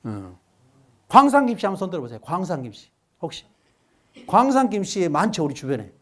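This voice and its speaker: His voice sits high and darkish, swinging widely up and down as this middle-aged lecturer works a live crowd. He jokes around, fires questions at the audience and has them repeat words after him.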